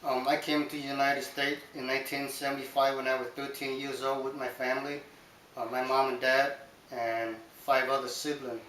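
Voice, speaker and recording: A man's voice: mid-range voice, moderate pace. Matter-of-fact man, distant and roomy. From Vietnam. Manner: steady, matter-of-fact, frequent ums. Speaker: interviewee. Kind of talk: recorded oral history interview. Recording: roomy, distant mic with hiss.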